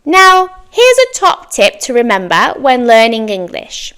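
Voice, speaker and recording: A woman teacher delivers a language lesson at a slow, deliberate pace. Her voice sits fairly high and moves up and down with plenty of animation. She enunciates carefully and leans on key words so learners can follow. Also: wildly swooping pitch, fairly bright tone, clear, resonant tone. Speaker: English teacher, lesson presenter.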